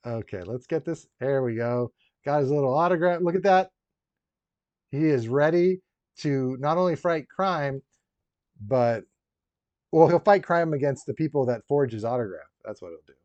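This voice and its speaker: Here a toy collector chats loosely with his live-stream viewers, joking around and tossing in dry, teasing remarks. His voice is medium in pitch with a darkish tone, a little slow, and he pauses often. The sound is dull and lo-fi, with a roomy echo.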